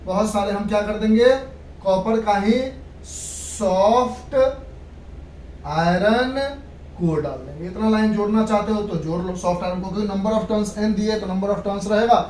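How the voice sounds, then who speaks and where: Speaking at a measured pace with fairly even intonation, this woman has a medium-pitched, slightly mellow voice. She lectures on physics to a class, repeating herself, checking comprehension and using some English terms, heard through a distant mic in an echoey, noisy room.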